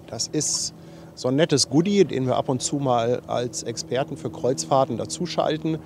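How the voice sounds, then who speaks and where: A man with a mild cold and a slightly runny nose hosts a casual livestream outdoors on a harbour riverbank, reading out viewer messages in a chatty, self-deprecating manner. His voice is mid-range, and there's slight background noise.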